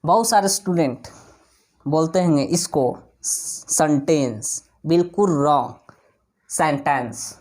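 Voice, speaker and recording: A man teaching an English lesson, explaining spelling and pronunciation, asking and answering his own questions and repeating words slowly to drill them. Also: a little high, a little mellow.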